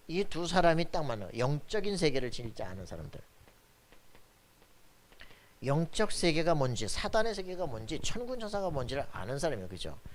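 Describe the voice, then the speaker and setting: Animated male pastor preaching. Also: fairly high pitch. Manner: emphatic preaching with frequent "그죠?" tag questions; colloquial, blunt asides. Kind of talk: sermon.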